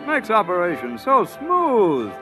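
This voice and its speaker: A man playing an earnest male car expert in a 1950s radio ad sketch, a straight man giving smooth sales patter. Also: high-pitched, wildly swooping pitch, slow, music in the background, full character voice. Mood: selling. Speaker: ad pitchman.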